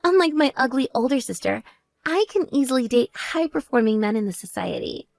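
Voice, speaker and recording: A woman's voice: sits high, lively intonation, fairly quick, creaky, dry recording. Woman voicing a vain, taunting younger sister. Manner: boastful, taunting, indignant. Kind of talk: voiced text story dialogue.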